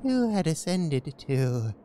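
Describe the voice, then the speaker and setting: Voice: medium pitch, sing-song, slow, warm tone, a little hiss or hum. A gameplay co-player chatting casually and reading game text aloud. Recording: game music behind the voice.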